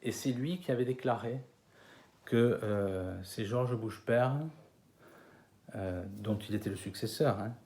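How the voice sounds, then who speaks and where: French male lecturer, low voice, halting delivery with fillers, slows down to spell out names. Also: a little mellow. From France. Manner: hesitant, many fillers and restarts, slow over names. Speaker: conference speaker. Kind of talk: lecture to an audience. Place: conference hall.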